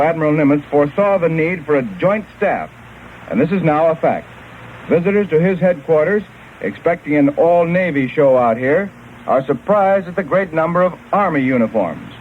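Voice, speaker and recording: An American man with a fairly high voice reads scripted war news in the formal, measured manner of a 1940s correspondent. The noisy, narrow-band shortwave recording sounds crackly and old.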